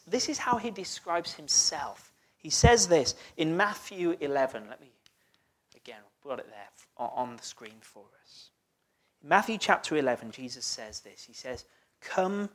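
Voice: mid-range voice, lively intonation, moderate pace, fairly bright tone. A preacher giving a sermon, talking conversationally and putting questions to the congregation, with the voice often sinking almost to a whisper.

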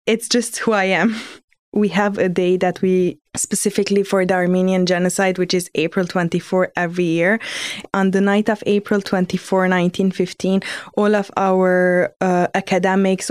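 A woman's voice: fairly low pitch, a little mellow, smooth, dry recording, clean studio sound. A young woman, earnestly telling her own story on a podcast, often restarting her phrases. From Lebanon. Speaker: student guest. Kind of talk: reflective personal podcast storytelling.

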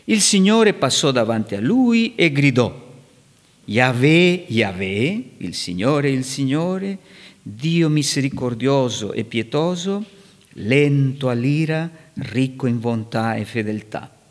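A man's voice: medium pitch, slow. Guy preaching a bible sermon, voice jumps way up to stress points, long hall echo. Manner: animated, rising sharply for emphasis. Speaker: preacher and teacher.

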